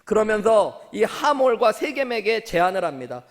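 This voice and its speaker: A man's voice: high voice, very animated, normal speed. A male pastor preaching a sermon in a church sanctuary, telling a story and speaking directly to the congregation. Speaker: senior pastor. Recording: long hall reverb.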